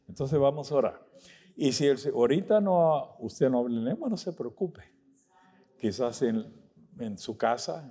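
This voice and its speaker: Fervent Pentecostal preacher, mellow voice. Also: male voice, mid-range voice. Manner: fervent, swinging from loud outbursts to hushed prayer. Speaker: guest preacher. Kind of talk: Pentecostal sermon. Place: church.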